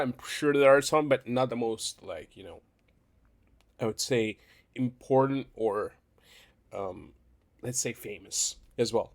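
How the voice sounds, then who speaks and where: A young man hosting his own tier-list channel while sick, his voice stuffed up and nasal. He rambles in a casual, unscripted way, restarting phrases and circling back as he goes. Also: mid-range voice. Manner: rambling, self-correcting, laughs between phrases. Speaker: YouTube channel host.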